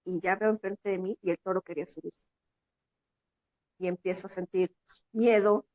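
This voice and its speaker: A Mexican woman speaks as an interview guest, telling a story with lively energy and slipping into higher voices for the people she quotes. Her voice sits at a middle pitch. It sounds close and dry, with hardly any room around it. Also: moderate pace, no echo.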